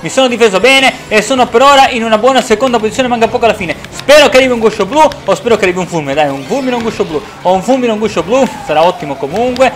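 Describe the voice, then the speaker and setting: A man giving live commentary over his racing game as a streamer, swinging from low mutters to frustrated yells. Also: rapid-fire, hardly any pauses. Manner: excitable, swings from mutters to yelling. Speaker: gaming streamer.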